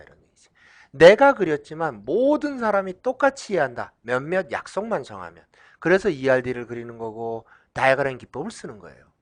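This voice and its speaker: Middle-aged man, professor, recorded lecture, rhetorical questions, acts out shouts, lively intonation. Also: a little high. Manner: asks questions and answers them himself; drawing on the slide while talking.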